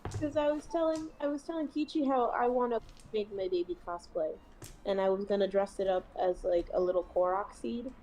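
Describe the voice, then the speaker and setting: A woman's voice: medium pitch, a little fast, dark tone, rough recording. A woman playing a tabletop game over voice chat, chatting in a giggly, gushing way. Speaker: player.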